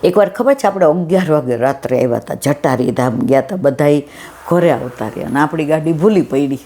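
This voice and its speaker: A low-pitched older woman tells devotional stories to a gathering. Her tone is mellow and relaxed, and she reenacts conversations as she goes. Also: a little fast. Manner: anecdotal, reenacts dialogue. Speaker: satsang speaker. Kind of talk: devotional storytelling talk.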